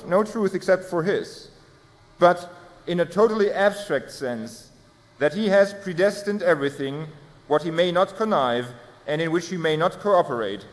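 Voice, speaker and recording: A man presenting a theology paper, reading it aloud in a formal, measured way with small self-corrections. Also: on the high side. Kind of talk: reading a prepared academic paper. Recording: long hall reverb.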